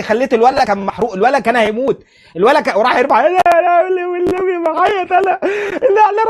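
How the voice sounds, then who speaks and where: Fast-talking Egyptian man ranting about football. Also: very high voice. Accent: Egyptian Arabic. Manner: animated, mocking, repetitive. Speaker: football commentator vlogger. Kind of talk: casual fan commentary.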